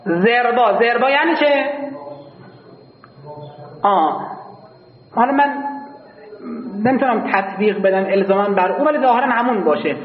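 High-voiced man lecturing in an echoey hall. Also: animated, phone-quality sound. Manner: explanatory, addresses students, chants Arabic verse lines slowly. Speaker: seminary teacher of Arabic grammar. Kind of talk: classroom lecture.

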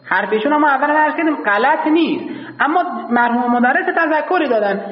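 A man teaching a grammar class, explaining patiently to his students and slowly chanting lines of classical verse. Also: very high voice, animated, reverberant, big-room sound, dull audio. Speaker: seminary teacher of Arabic grammar. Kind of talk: classroom lecture.

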